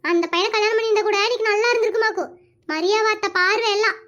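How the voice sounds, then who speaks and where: Performer doing a brusque gossipy village woman, very high squeaky voice, fast, scolding, cartoon. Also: fairly even intonation, sharp tone, lo-fi sound. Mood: blunt. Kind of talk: animated comedy dialogue.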